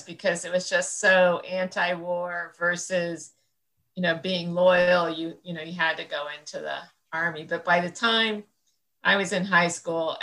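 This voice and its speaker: Reflecting on things in a conversational interview, this central Illinois woman in her sixties rambles thoughtfully, using many fillers. Her voice is gravelly and lowish yet bright-toned, and the audio quality is poor.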